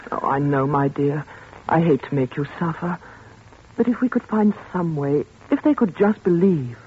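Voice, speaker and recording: A woman playing an earnest, tender and troubled woman with a husky voice in a 1940s radio suspense drama. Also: low-pitched, normal speed, a little hiss or hum, natural voice. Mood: troubled, gentle. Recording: tinny, band-limited 1940s radio recording.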